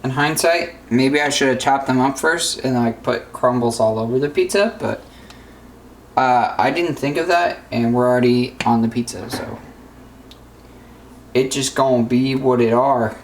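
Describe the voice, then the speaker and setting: A man's voice: mid-range voice, normal speed, reverberant, slight background noise. A young man vlogging casually from his home kitchen, talking in a rambling, easygoing way full of fillers. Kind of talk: casual vlog chat.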